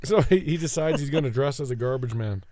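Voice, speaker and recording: A man's voice: medium pitch, fast, a crowd in the background. A man co-hosting a podcast, telling a crude story in a rambling, profane way between friends' interruptions. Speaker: podcast co-host.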